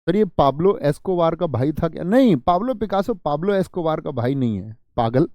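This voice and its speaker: Male coaching-class tutor, a bit high-pitched, dry mellow sound, quizzing students and joking with them. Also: lively intonation, a little fast, dry recording. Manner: drills students with repeated call-and-response questions; chatty, joking, reads student comments aloud. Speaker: exam coaching teacher. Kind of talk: live online class.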